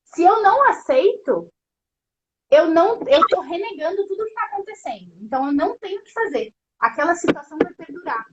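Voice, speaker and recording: A woman's voice: very high voice, animated, a little fast, dull audio, very noisy. A woman therapist hosting a casual live stream, talking straight to her viewers with lots of fillers. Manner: conversational, addresses viewers directly, many fillers. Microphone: phone or laptop mic on a live stream.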